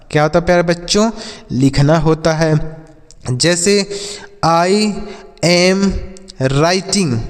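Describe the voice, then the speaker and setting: Male language teacher, slow and drilled, slightly high voice, long reverb around him. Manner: slow, repetitive teaching with questions to viewers. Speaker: English teacher. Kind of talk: Hindi-language English vocabulary lesson.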